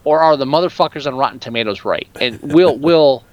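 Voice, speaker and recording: Another podcast co-host, medium-pitched and fairly quick, rants about movies in exasperated, opinionated casual talk laced with heavy profanity. There's no echo.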